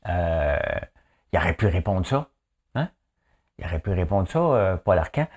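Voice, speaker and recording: A man's voice: sits low, big pitch swings, measured pace, a little mellow. A man with a Québécois accent hosting a casual daily news commentary, chatty and joking, with frequent fillers and asides. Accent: Québécois French. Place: rural home in the countryside.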